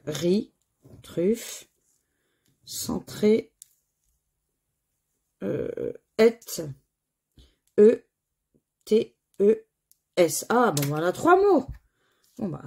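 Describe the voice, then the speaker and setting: Slow gravelly-voiced woman vlogger. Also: mid-range voice, sing-song, warm tone. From France. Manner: slow, spells letters aloud, sighs over losses. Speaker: scratch-card vlogger. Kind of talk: casual commentary while scratching tickets.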